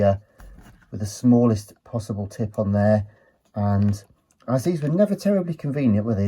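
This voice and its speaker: Examining a gadget in his retro teardown video, a British man gives casual hands-on commentary, musing out loud as he works. His voice sits lowish and sounds mellow with a touch of roughness.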